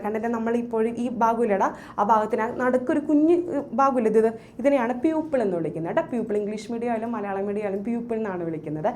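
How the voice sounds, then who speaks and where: A woman teacher with a Malayalam accent runs a lively biology lesson at a fast clip. Her voice sits a little high, and she fires questions and answers them herself. A faint rumble hums under the recording. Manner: quick, call-and-response questioning; code-mixes English terms, repeats key words. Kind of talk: online class lesson. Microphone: drawing on a screen while talking.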